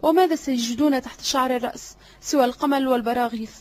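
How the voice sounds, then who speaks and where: A woman's voice: high-pitched, quick pace. A woman voicing an irritable, threatening male vizier in an audiobook drama reading, blustering and impatient.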